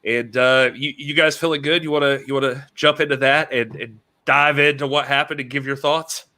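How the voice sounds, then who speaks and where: A man's voice: medium pitch, steady tone, normal speed, bright, forceful tone. A man co-hosting a wrestling talk podcast, chatting casually, joking and reading viewer messages aloud. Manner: joking, conversational, reads chat messages aloud. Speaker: podcast co-host. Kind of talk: casual chat.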